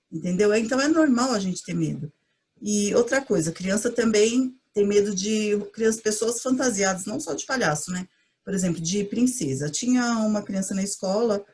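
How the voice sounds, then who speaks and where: Husky, chatty woman educator. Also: medium pitch. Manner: chatty, uses many fillers like "entendeu" and "tipo assim"; acts out gentle mother-to-child lines. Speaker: early childhood educator. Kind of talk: casual advice talk to parents.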